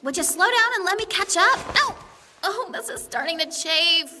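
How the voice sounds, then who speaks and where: A woman's voice: very high-pitched, animated, moderate pace, noisy background. A woman playing a bossy, fretful teenage girl in an English anime dub. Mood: panicked complaining.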